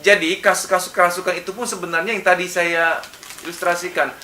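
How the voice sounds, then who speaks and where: A male psychologist giving a lecture in a relaxed, conversational way, animating his examples with sudden bursts of voice. His voice sits high and sounds very bright and piercing. It comes from some way off the mic in a roomy, echoing space. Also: fast talker. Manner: animated, acts out examples with sudden loud outbursts. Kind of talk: lecture in casual conversational register. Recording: echoey room, mic at a distance.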